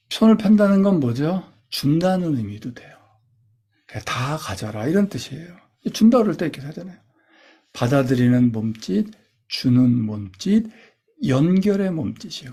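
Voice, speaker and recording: A man giving a lecture that guides listeners step by step through calming body exercises, demonstrating each gesture as he coaches. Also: a little high, slightly rough. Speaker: instructor.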